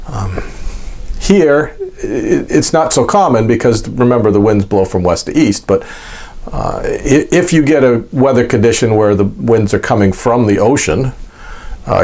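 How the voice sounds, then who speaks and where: An American man giving an informal, unscripted explanation in a halting, folksy way, repeating words as he goes. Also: on the low side, a little mellow. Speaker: host of an explainer vlog.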